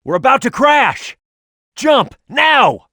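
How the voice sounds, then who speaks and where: A man's voice: extremely high pitch, big pitch swings, slow, bright, forceful tone, no echo, studio quality, exaggerated voice. A man voicing a tough, cocky, hot-headed young echidna fighter in a video game, with a brash, punchy, confident delivery. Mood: alarmed shouting. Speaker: playable video game character.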